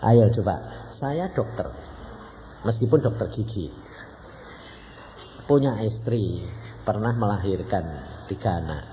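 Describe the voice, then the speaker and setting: A man's voice: slow, pauses often. An elderly man in his eighties with a Javanese accent, preaching a sermon and telling stories, often asking the congregation questions and acting out the dialogue. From Indonesia (Central Java). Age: around 80. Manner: lively, asks the congregation questions, acts out dialogue. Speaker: evangelist preacher. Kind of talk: sermon with anecdotes. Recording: dull low-fidelity recording with faint noise.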